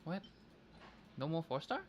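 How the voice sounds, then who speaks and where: A male game streamer chats casually during livestream gameplay, thinking out loud in playful, childish language. His voice is on the high side, swings widely in pitch and moves at a measured pace. Faint background noise is present.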